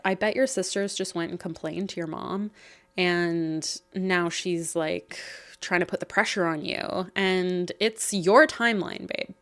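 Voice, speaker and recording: A woman casually reading stories aloud and breaking in with chatty, animated asides to the viewer. She sounds slightly croaky. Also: mid-range voice. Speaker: host reading and reacting to online stories.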